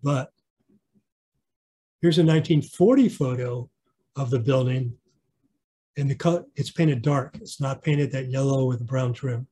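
Over a video call, a man with a warm, husky, medium-pitched voice gives a casual slideshow clinic on his model railroad. He rambles, using fillers and frequent restarts.

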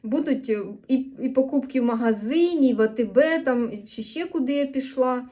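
A woman's voice: high voice, normal speed, dark tone. A woman from eastern Ukraine with a Sumy regional accent, chatting casually to camera in a vlog, rambling and correcting herself, earnest and a bit defensive. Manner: earnest and a little defensive when answering comments. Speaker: vlogger.

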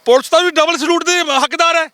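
A man's voice: very high voice, fairly even intonation, fast, bright, forceful tone, no room sound. A man from a farmers' union, sarcastically attacking the government and police in an interview. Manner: angry, sarcastic criticism of the government.

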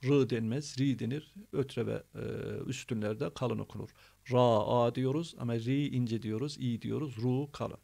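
A man's voice: medium pitch, steady tone, moderate pace, gravelly, dark tone. A man teaching Quran reading, patiently repeating rules and drilling syllables one by one. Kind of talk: step-by-step reading lesson.

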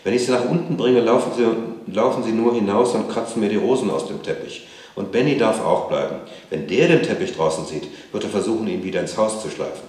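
A man's voice: lowish voice, fairly quick, few pauses, darkish tone, recorded from a distance, voice pushed up, natural voice. A man reading as a tired, firm mother in an echoey room. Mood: soothing. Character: weary, patient mother putting her children to bed.

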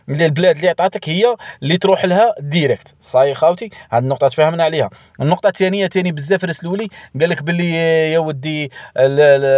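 A man's voice: a little high, darkish tone, no echo, clean studio sound. A man with an Algerian Arabic accent giving casual visa advice to his viewers, repeating points and calling them brothers. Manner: rapid, repetitive, addresses viewers as brothers. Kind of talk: casual direct-to-camera advice.

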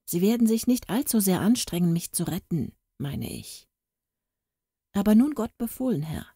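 Woman doing a hurried old boatswain. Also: medium pitch, animated, mellow, slightly rough, no echo, studio quality, pitched above the performer's own voice. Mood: urgent. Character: old male boatswain, loyal and secretive.

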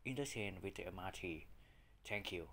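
Slow, low-voiced train announcement man. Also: a bit bright. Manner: formal, measured, evenly spaced phrases. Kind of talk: pre-recorded train station announcement.

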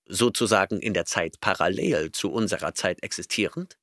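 A man's voice: low-pitched, moderate pace, fairly bright tone, no echo, clean studio sound. A man reading an audiobook voices an arrogant, eccentric male professor who lectures impatiently and snorts at his listener.

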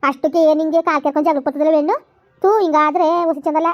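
A wounded, self-pitying village mother, played by a woman pours out her grievances in quick, high-pitched rhetorical questions with a rural Karnataka Kannada accent. The recording sounds a little dull and lo-fi. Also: fairly even intonation, close to an everyday voice. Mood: aggrieved lament. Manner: complaining, lamenting, rhetorical questions.

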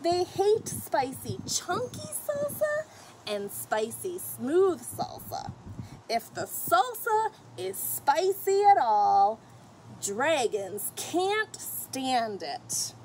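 A middle-aged woman reads aloud from a picture book to children, her voice sitting high and her pace extremely slow. Emphatic and expressive, she talks right to the kids and the characters. A camera a short distance away on the fenced patio or deck records it, with faint noise in the audio.

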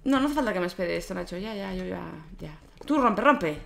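Excitable woman shouting over a game. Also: mid-range voice, vocal fry. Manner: quick, loud exclamations and repeated words. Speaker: host gamer. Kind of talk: excited multiplayer gaming chat.

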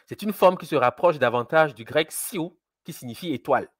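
A man's voice: fairly high pitch, lively intonation, normal speed, husky, no room sound. Emphatic man giving a dry-sounding lecture. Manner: emphatic, repeats key words, restarts often. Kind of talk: recorded lecture.

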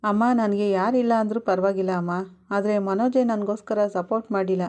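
A woman's voice: medium pitch, steady tone, fairly quick, a little mellow, close to an everyday voice. A woman voicing an upset young wife who complains of being left alone to blame. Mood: hurt. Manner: complaining, hurt.

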